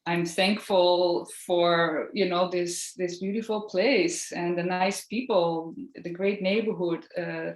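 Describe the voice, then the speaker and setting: A woman from the Netherlands with a Dutch accent, in her thirties, talking earnestly and gently as a podcast guest. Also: fairly low pitch, fairly even intonation, slow, few pauses, roomy sound. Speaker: podcast guest, Reiki practitioner. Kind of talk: casual interview chat.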